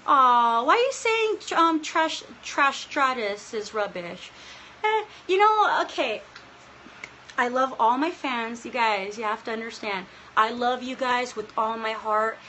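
A woman's voice: a little high, lively intonation, measured pace, bright, forceful tone, slight background noise, low-quality recording. A woman in her late thirties hosting a casual livestream Q&A for her fans, earnest and emotional, laughing often and close to tears, talking into a phone held close in a small room. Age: 30s. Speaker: livestream host answering fans. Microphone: phone held close, front-facing.

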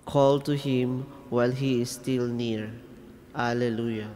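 Male church lector, solemn and measured, unhurried mid-pitched reading, long cathedral echo. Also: fairly even intonation, mellow, slight background noise. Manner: measured, reverent, phrase-by-phrase delivery. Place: inside a church.

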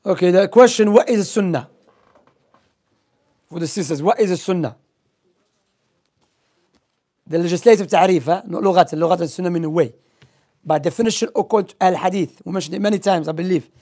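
Speaking quickly in a high, mellow voice, a young religious teacher leads a casual Islamic lesson with stories and quiz questions. His English is non-native and mixed with Arabic terms. He's in a small library room, speaking into a gooseneck mic placed near his mouth.

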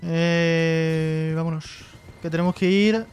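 Man, high voice, live-stream host, jokey reading chat aloud, light music in the background. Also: steady tone, slow, darkish tone. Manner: joking, reads chat messages aloud and replies.

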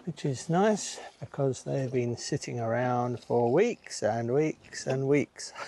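A man's voice: mid-range voice, slow, warm tone, a little hiss or hum. A middle-aged man talking casually as he works on his allotment, chatting and laughing to himself while digging and planting outdoors. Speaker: allotment gardening vlogger. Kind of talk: casual talk while working. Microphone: camera mic, sometimes far from the camera.

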